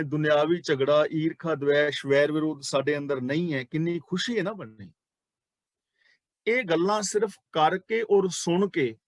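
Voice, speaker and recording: A man teaching a religious class, explaining sacred terms slowly and speaking directly to his listeners, often repeating key words. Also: a little high, no echo. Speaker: Sikh scripture teacher.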